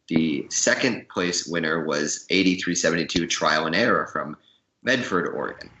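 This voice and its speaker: A man hosting a casual panel and reading out award winners in a relaxed way. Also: deep voice. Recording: roomy lo-fi sound.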